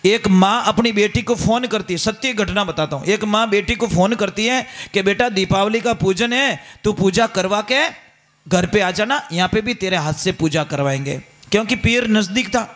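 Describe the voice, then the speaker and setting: High-voiced Rajasthani storyteller preacher man. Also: normal speed, a bit bright. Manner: folksy, addresses listeners directly with questions. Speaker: religious storyteller.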